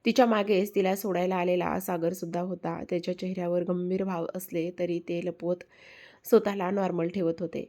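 A woman tells an emotional family story in a low voice. Her tone stays level, with little rise or fall, and she reads softly and unhurriedly, pausing now and then. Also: level tone.

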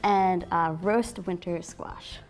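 A woman's voice: fairly low pitch, slow pace, soft background music. A woman chef explaining a dish during a TV cooking demonstration.

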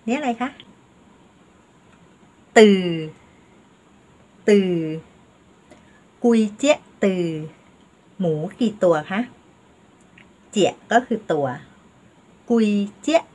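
An older woman leads a home language lesson at an unhurried pace. Her voice is breathy and lowish, and her pitch rises and falls a lot as she coaches listeners through slow counting drills. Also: sing-song, darkish tone. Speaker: Teochew language teacher.

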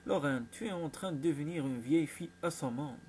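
Un homme qui lit un roman et prête sa voix à un jeune frère taquin, moqueur et exubérant. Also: male voice, on the high side, fairly quick, darkish tone, slight background noise, natural voice. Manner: mocking, exuberant. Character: teasing young adult brother.

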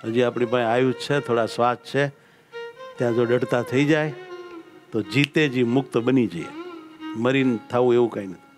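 Gujarati swami preaching, emphatic and repetitive. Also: male voice, mid-range voice, moderate pace, long pauses, music in the background. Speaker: swami giving scripture discourse. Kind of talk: sermon. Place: temple assembly hall.

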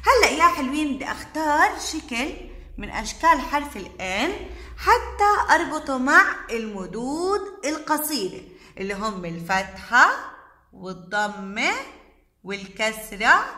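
A woman's voice: on the high side, lively intonation, a little slow, sharp tone, roomy sound. A woman, teaching young children letters and syllables in a sing-song voice and praising them often. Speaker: kindergarten teacher.

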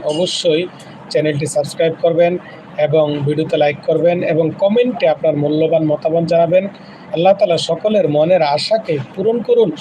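A man preaching on a live stream, repeating earnest instructions and reciting Arabic prayers slowly. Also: on the high side, background noise. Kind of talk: live religious talk with recitation.

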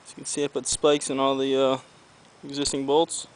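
A man's voice: medium pitch, completely flat delivery, brisk, slight background noise. A man from the US showing a motorcycle he is selling, in plain, matter-of-fact remarks on a handheld camera. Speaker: private seller showing a motorcycle. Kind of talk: casual walkaround video.

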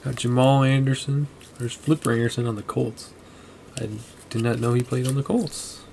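A man's voice: mid-range voice, steady tone, normal speed, vocal fry, darkish tone. Man muttering names over a noisy recording. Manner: chatty, muttering names as he flips through cards. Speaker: card collector vlogger. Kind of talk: casual narration while sorting cards. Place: desk at home, indoors.

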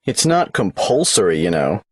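A man playing a tax office employee in a scripted exam listening dialogue, explaining things in a lively way. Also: low-pitched, normal speed, breathy edge, no echo, studio quality.

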